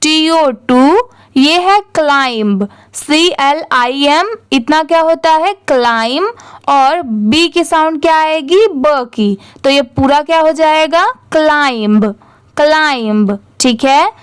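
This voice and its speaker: Young Indian woman, English tutor, high voice, unhurried, letter-by-letter spelling, dry close sound. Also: no echo. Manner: spells words letter by letter, then says them; asks and answers her own questions. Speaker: English teacher. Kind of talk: slow step-by-step reading lesson.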